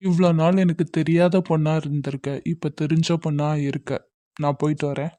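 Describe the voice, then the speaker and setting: A reserved young man in a homemade cartoon, voiced by a woman, calm and caring. The voice sits low and mellow, recorded dry with no room sound. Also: brisk, no echo, natural voice. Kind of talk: amateur cartoon voice acting.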